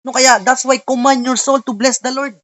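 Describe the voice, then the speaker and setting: A woman's voice: high voice, steady tone, moderate pace, fairly bright tone. Earnest woman preaching over a video call. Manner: earnest, tags lines with questioning "no?". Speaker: Bible study preacher. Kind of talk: online sermon.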